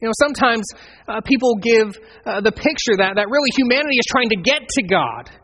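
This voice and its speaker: A man's voice: very high voice, lively intonation, brisk, fairly bright tone, breathy edge. A man preaching an expository sermon, earnestly explaining and quoting scripture verse by verse. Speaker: pastor.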